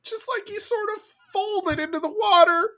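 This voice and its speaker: A woman's voice: very high-pitched, normal speed, fairly bright tone. A woman voicing a teary rambling cat.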